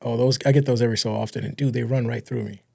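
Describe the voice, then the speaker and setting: A man's voice: mid-range voice, fairly even intonation, racing, creaky, warm tone. A man from the US West Coast co-hosting a podcast in casual, joking chat, rambling with lots of fillers. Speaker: podcast co-host.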